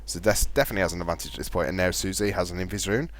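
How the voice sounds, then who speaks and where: Fast-talking male esports caster. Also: sits low, a little hiss or hum. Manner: calls his own voice monotone. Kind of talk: live game commentary.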